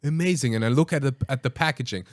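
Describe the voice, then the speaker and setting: A man hosting a podcast, telling a story in a casual, animated way, acting out quoted lines and hesitating with ums and restarts. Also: medium pitch, rapid-fire, dry recording. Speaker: podcast host.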